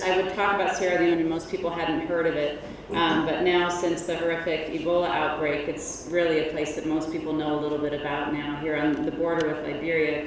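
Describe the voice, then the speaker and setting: A woman with a low voice delivers an academic conference lecture as a keynote researcher, loud and measured but peppered with ums. The large conference hall is captured from a distance, sounding echoey and noisy.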